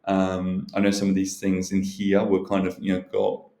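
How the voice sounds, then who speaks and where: A man's voice: low-pitched, completely flat delivery, moderate pace, warm tone. A man giving casual, unscripted advice as a video host, rambling and hedging with frequent filler phrases. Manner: rambling, hedging, leans on "you know" and "look". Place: indoors, in a library. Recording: roomy, echoing indoor sound.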